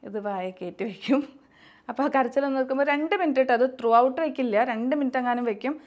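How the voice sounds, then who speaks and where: A woman's voice: sits high, very fast. A young woman, a mother chatting casually as she demonstrates her baby setup at home for a vlog. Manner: chatty, coaxing a crying baby in sing-song. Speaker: vlogger, mother. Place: home nursery indoors. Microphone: camera operated by someone else.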